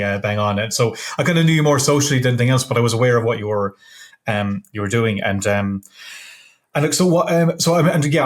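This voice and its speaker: Hesitant Irish man hosting a chat. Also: on the low side. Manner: hesitant, halting, full of self-interruptions. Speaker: podcast host interviewing a comics artist. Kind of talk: casual interview chat.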